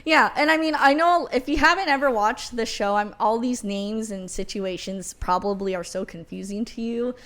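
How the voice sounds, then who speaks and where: Young woman, podcast co-host, casual chat, teasing, opinionated, bright tone. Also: on the high side, moderate pace, hardly any pauses. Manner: teasing, opinionated, laughs often.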